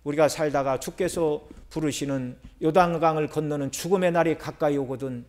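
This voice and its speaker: A middle-aged male pastor delivering a sermon, with rising emphasis and dramatic pauses. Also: a little high, darkish tone.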